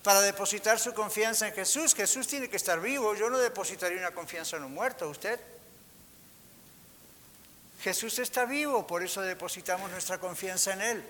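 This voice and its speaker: A pastor preaches with a high, bright voice, putting rhetorical questions to his listeners. His voice rings out through a reverberant hall over a faint hiss. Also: normal speed. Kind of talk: sermon. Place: church hall.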